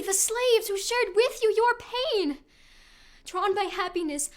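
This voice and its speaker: A woman performing classical stage acting as an anguished slave messenger in a Greek tragedy, theatrical, moving between hushed and loud delivery. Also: very high-pitched. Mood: wistful. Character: anguished household slave messenger recounting horror. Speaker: actor performing an audition-style monologue. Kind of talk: classical stage acting, dramatic tragic monologue.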